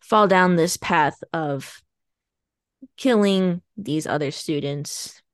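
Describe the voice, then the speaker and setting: A woman's voice: lowish voice, slow pace, no echo, clean studio sound. A woman co-hosting a podcast, chatting casually and retelling a plot with lots of fillers. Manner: rambling plot summary with fillers and laughs. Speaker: podcast co-host. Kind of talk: casual chat.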